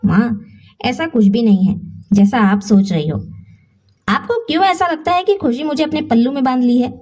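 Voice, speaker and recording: A woman voicing a young husband who tries to calm his mother and wife with mild reasoning. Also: on the high side, normal speed. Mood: placating.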